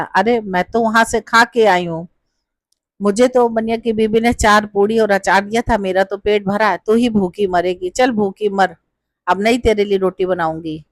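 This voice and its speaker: A harsh, bitter mother from a spoken folk tale, as a woman storyteller puts her on, scolding her daughter in a shrill, sharp voice. Her pitch sits in the middle of a woman's range, and the sound is close and dry. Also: moderate pace, no room sound, natural voice. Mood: angry.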